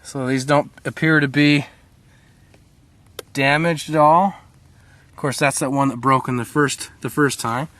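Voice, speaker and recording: A man hosting his own video, giving casual, enthusiastic running commentary to the camera outdoors, chatty and full of pauses, picked up on a camera mic. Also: medium pitch, steady tone, fairly bright tone, no room sound. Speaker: video host. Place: outdoor shooting spot.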